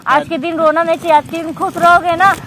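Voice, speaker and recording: A woman's voice: very high voice, level tone, fast. A woman on the street, talking in a soothing, coaxing way, telling someone not to cry. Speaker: prank target, passer-by. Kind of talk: casual street talk. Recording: street noise outdoors.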